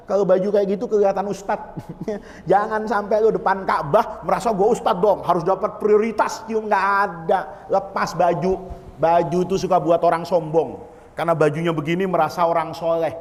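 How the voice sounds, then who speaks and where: High-voiced preacher in an echoing mosque. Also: male voice. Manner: lively, jokey, asks the congregation questions. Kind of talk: mosque sermon. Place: large mosque hall. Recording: long hall reverb.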